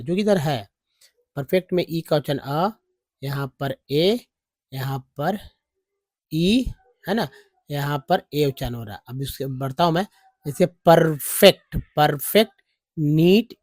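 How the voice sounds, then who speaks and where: Hindi-speaking man teaching vowel sounds slowly. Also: fairly high pitch, a little mellow, no room sound, studio quality. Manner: repeats letters and sounds slowly, checking in with "है ना?" and "ठीक है?". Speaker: English teacher. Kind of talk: Hindi lesson on English vowel pronunciation.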